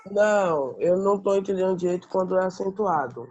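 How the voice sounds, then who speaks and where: Male student, hesitant and halting, mellow low-ish voice, dull muffled call audio. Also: a little hiss or hum. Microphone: video call.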